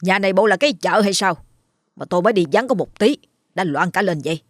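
A woman voicing a gruff middle-aged male village official who barks orders at his wives. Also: medium pitch, quick pace, dry recording, studio quality, lightly acted. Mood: angry. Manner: barking, commanding.

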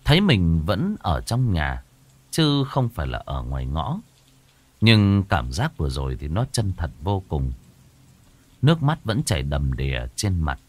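Deep-voiced man narrating a ghost story. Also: big pitch swings. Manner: slow, somber, dramatic reading.

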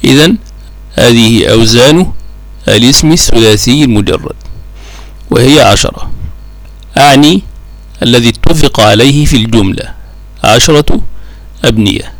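A man teaching a classical Arabic grammar lesson, slow and measured, drawing out each example word. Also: medium pitch, dry recording.

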